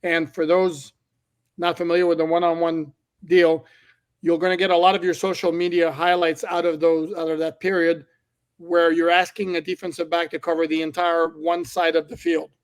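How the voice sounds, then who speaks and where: Male reporter guest, slightly high flat voice, blunt and candid. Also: moderate pace, smooth. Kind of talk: casual sports talk.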